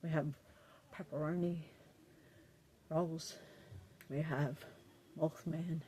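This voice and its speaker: A woman's voice: sits low, steady tone, slow, very noisy. A middle-aged woman with an Appalachian West Virginia accent, chatting casually and bluntly to her viewers in a defiant, sweary way. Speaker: vlogger. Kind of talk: casual, rambling chat to viewers.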